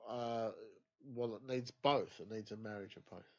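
A man's voice: lowish voice, steady tone, normal speed, a little mellow. Rambling nasal man. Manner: rambling, frequent "you know" fillers. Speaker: podcast guest, music teacher. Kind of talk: casual chat. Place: home podcast studio. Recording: dull lo-fi studio recording.

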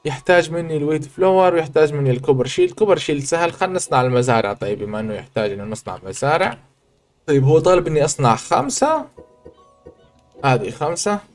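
A man, hosting a gaming channel, chatting through his gameplay and breaking into excited exclamations. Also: a little high, quick pace, soft background music. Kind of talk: let's play commentary.

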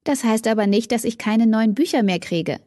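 A woman's voice: on the high side, normal speed, mellow, dry recording, natural voice. A woman voicing an exasperated, bookish teenage girl in an audiobook, with a dry close sound. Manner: exasperated, defensive.

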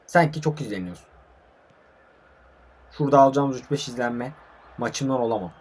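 Husky young man commentating his game. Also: mid-range voice, moderate pace, darkish tone. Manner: frustrated, swearing, talking to himself and viewers. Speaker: gamer commentating his own match. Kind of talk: live gameplay commentary.

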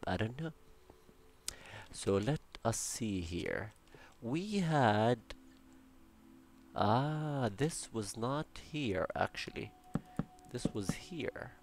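A young man with a gravelly voice hosts a building game channel, muttering to himself, counting blocks and tossing in playful Spanish words. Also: medium pitch, very animated, extremely slow, pauses often, slight background noise. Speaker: Minecraft building channel host. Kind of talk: casual gameplay commentary.

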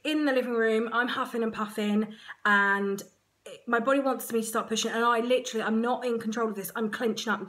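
A woman with an English accent chatting straight to camera, her voice sitting a little high. She talks frankly and with self-mocking humour, tossing in quick asides as she goes. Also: fairly bright tone. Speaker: surrogate mother vlogger. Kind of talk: casual storytelling to camera.

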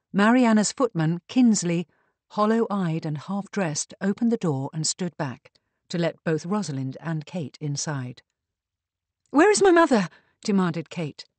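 Male narrator, audiobook reading, measured, even, dry close sound. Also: sits high, no room sound.

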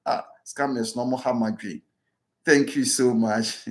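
Ghanaian priest praying over and over, fervent, kinda roomy echo. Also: male voice, mid-range voice, fairly even intonation, unhurried. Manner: repetitive, fervent, exhorting. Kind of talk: leading prayers and blessings.

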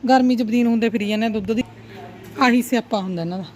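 A woman's voice: quick pace, a little mellow. A middle-aged woman, chatting casually to a family vlog in a dramatic, exclaiming, grumbling aunty manner. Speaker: vlogger. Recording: noisy, with vehicle-like background rumble.

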